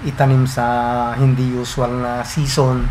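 A middle-aged man from the Philippines, working as a municipal agriculturist, explains slowly in a documentary interview and mixes in English phrases. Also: medium pitch, monotone. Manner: slow and halting, mixing English phrases. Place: indoors by a window. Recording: interview with audible background noise.

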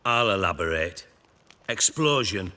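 In a video game role, an actor plays a male crime boss who is irritable, self-important, sardonic, clipped and foul-mouthed, his mood dry and irritated. He uses a full character voice that is low, animated and unhurried, bright with a forceful tone.

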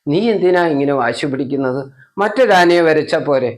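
A man voicing a mother who scolds her older son and gently coaxes her crying child. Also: fairly high pitch, animated, a little fast, close to an everyday voice. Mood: coaxing. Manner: scolding yet coaxing, patient questioning. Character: mother, firm but coaxing.

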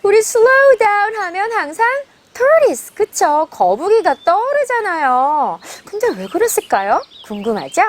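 A woman teacher leads a picture book read-aloud lesson and turns to her listeners with questions. Her voice is very high and swoops widely. She takes her time with the words. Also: a little slow, hardly any pauses. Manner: animated, asks listeners questions.

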